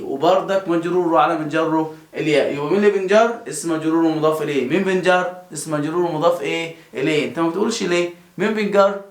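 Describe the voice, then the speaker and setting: Egyptian male teacher, high animated voice, echoey room; quizzes kids, answers himself. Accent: Egyptian Arabic. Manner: lively, quizzing pupils and answering them himself. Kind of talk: children's grammar lesson.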